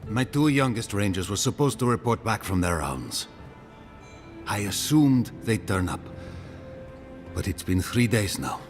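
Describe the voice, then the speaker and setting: An actor playing a weary ranger leader drinking in a pub, gloomy and blaming himself. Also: male voice, fairly low pitch, expressive, measured pace, long pauses, faint music behind. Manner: gloomy, self-reproaching.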